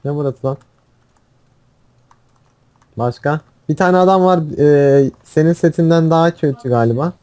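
A young man playing a video game with a friend, giving quick commands, humming and swearing in casual chat. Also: on the high side, dark tone, smooth. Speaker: gamer.

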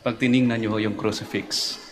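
A man's voice: lowish voice, level tone, brisk. A man, a priest giving a homily, conversational and polite, often asking rhetorical questions. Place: large church. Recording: echoey church hall, faint background hum.

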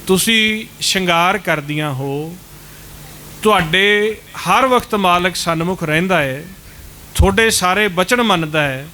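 A man delivers a sermon in a higher-than-usual voice. He moves at a very slow, drawn-out pace. A faint hum of background noise sits behind him. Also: sharp tone. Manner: slow drawn-out chanting, then explanatory preaching. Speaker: preacher giving religious discourse. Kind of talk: sermon with chanting and quoted verse. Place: large temple hall.

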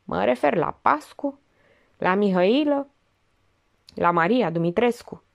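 Audiobook: woman as composed female investigator, measured and authoritative, animated delivery. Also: mid-range voice, creaky. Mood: explaining. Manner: measured, explanatory. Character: shrewd woman police investigator, calm and commanding.

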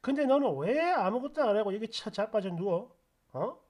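A woman voicing a fed-up young wife who speaks in a low, calm and cutting way. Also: moderate pace. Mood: cold fury.

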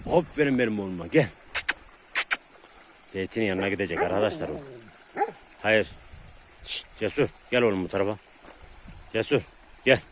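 Man outdoors with his dogs, lowish voice, repeats soothing calls, noisy outdoor recording. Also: lively intonation, moderate pace, long pauses. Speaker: dog owner filming his dogs. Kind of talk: casual vlog commentary to viewers. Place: outdoors in a rural area.

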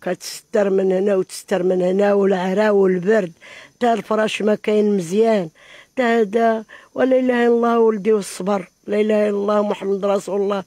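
A woman's voice: medium pitch, fairly even intonation, quick pace, dark tone, no room sound. An older woman with a Moroccan Arabic accent, pleading for help in an interview and calling on God often, recorded in an outdoor tent on a handheld mic. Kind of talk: pleading casual talk.

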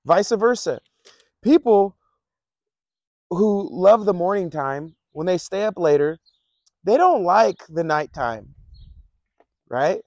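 A man's voice: high-pitched, animated, takes it slowly, pauses often, a little mellow, dry recording. A man preaching a casual, conversational sermon, often repeating himself and chuckling between points. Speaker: pastor.

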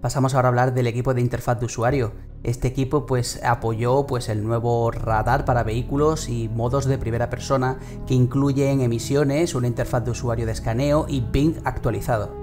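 A man with a Spain Spanish accent, hosting a gaming channel and reading a monthly news report in a steady way with casual fillers. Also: mid-range voice, a little fast. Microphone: home studio microphone. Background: background music.

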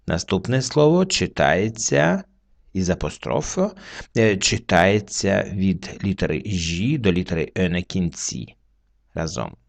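Gravelly low-voiced male teacher. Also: sing-song. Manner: slow, patient explaining with pauses. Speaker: French teacher. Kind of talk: word-by-word reading lesson.

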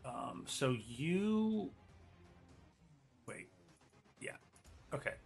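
A man narrating an online tabletop game as game master in a hesitant, halting way. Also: fairly high pitch, expressive, gravelly, faint music behind.

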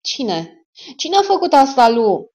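A woman voicing a loud, dim-witted man who talks in high, hearty bluster with drawn-out cackling greetings. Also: very animated. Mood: panicked. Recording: slightly dull lo-fi recording.

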